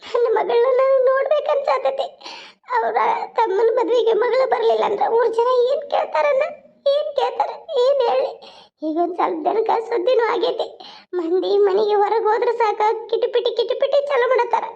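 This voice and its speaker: A woman's voice: very high voice, steady tone, normal speed, vocal fry, highs cut off. A woman voicing a grieving middle-aged mother who weeps as she talks. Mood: weeping. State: crying.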